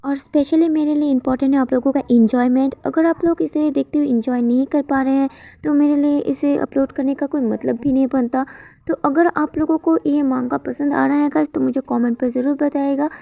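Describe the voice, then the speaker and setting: A woman's voice: high-pitched, fairly even intonation, brisk, gravelly. A woman narrating a comic romance story in a casual, chatty way, talking to her viewers. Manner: chatty, addresses viewers as guys. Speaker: manhwa recap narrator. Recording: dull lo-fi dry recording.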